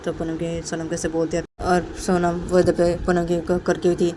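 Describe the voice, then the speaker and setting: A woman narrates a serial love story in a casual, run-on manner, repeating names and phrases as she goes. Her voice is low for a woman, with faint noise in the background. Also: completely flat delivery, a little fast.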